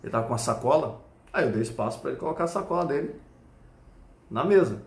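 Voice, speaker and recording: A Brazilian man, a Krav Maga instructor, explaining a point through an animated personal story and often checking whether the listener follows. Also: medium pitch, quick pace. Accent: Brazilian Portuguese. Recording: echoey room.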